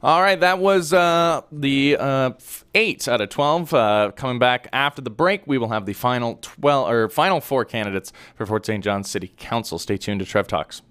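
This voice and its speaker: A man hosting a radio talk show, giving a loose, halting link to the break with fillers. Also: mid-range voice, a bit bright, smooth.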